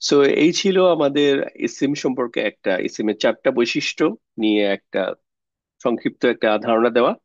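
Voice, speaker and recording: A man's voice: medium pitch, fairly quick, dry recording, muffled recording. A man teaching an online Arabic grammar class, explaining patiently step by step and mixing English words into his speech.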